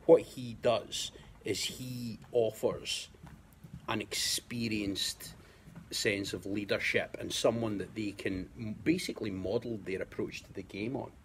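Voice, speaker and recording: A man with a Scottish accent, a guest pundit in a casual football chat, talking in a measured way and repeating words as he finds his point. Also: lowish voice, fairly even intonation, a little hiss or hum.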